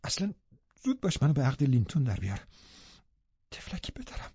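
A man's voice: a little high, big pitch swings, warm tone, breathy edge. A man voicing a frightened young woman in an audiobook, pleading in a tearful way. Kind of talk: audiobook character reading. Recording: dry, slightly dull studio audio.

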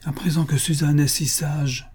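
A dying young wife in a storybook, speaking softly and faintly, her words fading toward a breathy whisper. A man puts her on, his voice raised higher than his usual tone and kept quiet. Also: fairly even intonation, normal speed. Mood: tender.

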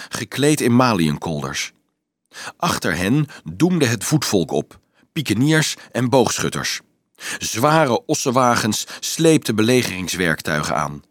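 A man narrating an audiobook in a measured, dramatic way. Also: on the low side, no echo, studio quality. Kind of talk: audiobook reading.

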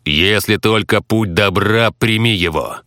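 A man's voice: on the low side, measured pace, pushed and bright, no room sound, studio quality, voice pushed up. A man voicing a proud, pompous male fighter who role-plays with solemn dignity.

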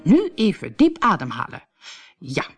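A woman's voice: on the low side, wildly swooping pitch, a little slow, soft background music. A woman voicing a cheeky young man who poses as a pompous doctor in a storybook, mock-solemn and hesitant.

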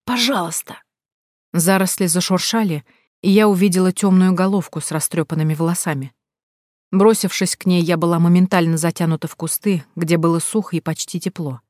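Low-voiced woman reading a tense story. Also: fairly even intonation, fairly quick, warm tone, dry recording, clean studio sound. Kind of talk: first-person story reading.

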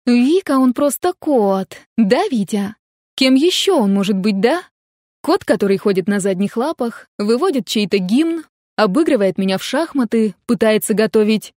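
A woman's voice: a little high, expressive, moderate pace, a little mellow, no room sound, studio quality, natural voice. A woman voicing a mocking, know-it-all young man in an audiobook, speaking in a teasing, amused way.

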